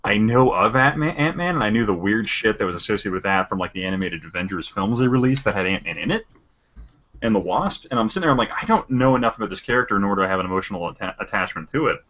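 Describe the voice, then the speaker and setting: A low-pitched man talks quickly as a podcast co-host, piling one thought onto the next. The recording sounds dull and lo-fi. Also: lively intonation, fairly bright tone. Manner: fast, rambling opinions. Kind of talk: casual chat. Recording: dull lo-fi audio.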